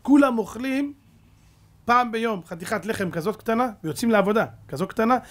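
A man's voice: sits high, lively intonation, a bit bright. A male rabbi preaching a sermon, telling a story dramatically and acting out the people in it.

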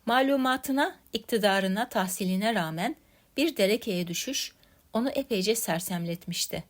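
A woman narrating a classic literary story in a measured, dramatic reading style. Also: mid-range voice. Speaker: story reader.

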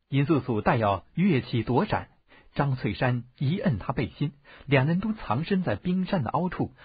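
A man narrating a martial-arts novel as an audiobook, telling it expressively with a husky voice. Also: mid-range voice, no echo. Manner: expressive storytelling, varied tone. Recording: dull, dry lo-fi audiobook recording.

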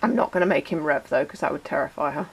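A woman's voice: sits low, expressive, fast talker, creaky, husky, rough recording. A woman, hosting a casual video and fondly chatting to her pet. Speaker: video host. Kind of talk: casual chat to camera.

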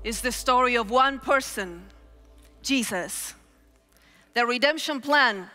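Soft background music accompanies a middle-aged woman from Argentina as she slowly delivers a sermon on a large hall stage with an audience present. She wears a headset mic, and her high, bright voice carries animated storytelling, gestures and calls to the crowd. The hall's long reverb lingers after each phrase.

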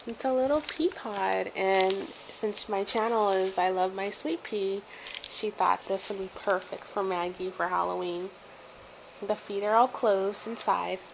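Woman w a stuffy head cold, slow and croaky, lots of ums, noisy home vid. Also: mid-range voice. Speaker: vlogger. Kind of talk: casual unboxing chat.

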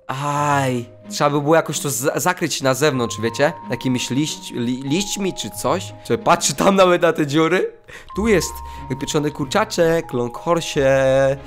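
A man giving excitable let's play commentary, exclaiming and talking to his viewers. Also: a little high, unhurried. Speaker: gaming channel host. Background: faint game music.

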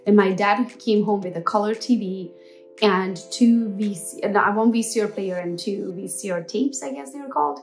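A woman in her forties, born in Transylvania, tells her own story in a warm, chatty vlog style and talks straight to the people watching. She records at her desk and then walks through old school halls with a phone in hand. Soft music plays faintly underneath. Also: mid-range voice, moderate pace, gravelly. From Transylvania, Romania. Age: 40s. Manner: chatty, playful, addresses viewers directly. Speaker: entrepreneur vlogger. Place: home office with window, then old school building.

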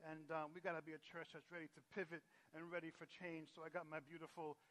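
High bright voiced pastor guy hyping up a church crowd, jokey, keeps restarting words. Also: fast talker. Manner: energetic, joking, stumbles over restarts. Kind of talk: lively church-service hosting. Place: church sanctuary.

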